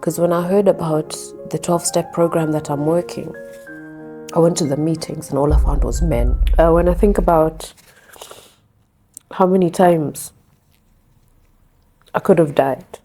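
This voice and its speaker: A woman's voice: deep voice, fairly even intonation, measured pace, pauses often, warm tone, faint music behind. A woman in her thirties from Kenya, raised in South Africa, frankly telling her life story as a podcast guest. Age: 30s. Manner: frank, reflective, with small restarts. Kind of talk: candid interview storytelling.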